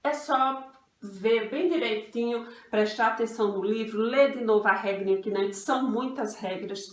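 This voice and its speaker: A Brazilian woman teaching an online grammar lesson to young children, patient and repetitive, calling herself "tia". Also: fairly high pitch. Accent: Brazilian Portuguese. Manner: patient, refers to herself as "tia", repeats rules slowly. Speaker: primary school teacher. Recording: echoey room, voice from a distance.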